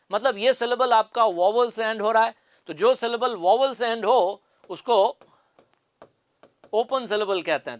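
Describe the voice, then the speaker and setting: A man with a fairly high voice teaches an exam-prep lesson. He works through each point step by step and asks the class questions he then answers himself. The recording is dry, with no room sound. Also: fairly bright tone, dry recording. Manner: explains step by step, repeats key answers.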